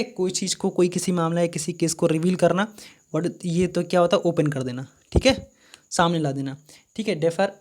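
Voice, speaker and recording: A man's voice: sits high, darkish tone. A man runs a live online vocabulary lesson. He often stops to spell a word out letter by letter. He keeps asking his students what each word means. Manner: spells words letter by letter, repeats questions. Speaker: vocabulary teacher.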